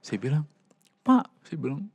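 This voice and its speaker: A man's voice: on the high side, moderate pace, creaky, breathy edge, dry recording. A man, a psychologist guest, telling client stories in casual conversation and animatedly acting out the voices of the people in them. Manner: animated, acts out quoted voices.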